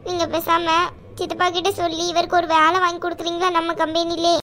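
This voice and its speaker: Woman voicing a timid young cartoon wife, tearful, pleading, apologetic, very high voice. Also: monotone, a little fast, a bit bright. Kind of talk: cartoon voice acting.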